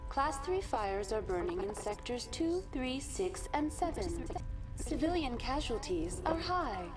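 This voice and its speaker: A woman voicing a calm female station computer that reads formal emergency announcements over a loudspeaker. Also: on the high side, music in the background. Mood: calm alarm. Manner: even, measured, formal announcing. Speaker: game character.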